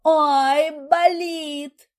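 A woman's voice: high voice, steady tone, slow pace, pitched above the performer's own voice. A woman reading aloud voices a hysterical, jealous pregnant young wife who screams and sobs. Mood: desperate. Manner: shrieking, sobbing, furious.

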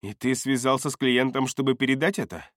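A man's voice: medium pitch, a little fast, a bit bright, no echo, clean studio sound, natural voice. Man reading a curt demanding young woman.

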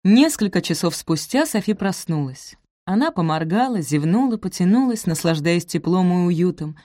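A woman narrating a romance novel in a smooth, even reading voice. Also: on the low side, normal speed, no echo, clean studio sound. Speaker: audiobook narrator.

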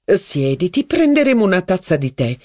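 An audiobook reader voicing an older, dignified aristocratic marchioness who speaks in a composed, measured, slightly dry way. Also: mid-range voice, very animated, a little mellow, no room sound, voice pushed up. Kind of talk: audiobook reading.

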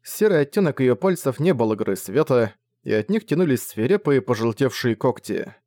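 A man narrating an audiobook in an even, measured way. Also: mid-range voice, no room sound, studio quality. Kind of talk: scripted narration.

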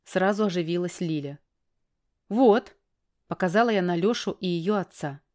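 A young adult woman reading a first-person audiobook, lively, sharply raising her voice in the dialogue. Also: on the low side, a little fast. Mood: exasperated. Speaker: audiobook narrator.

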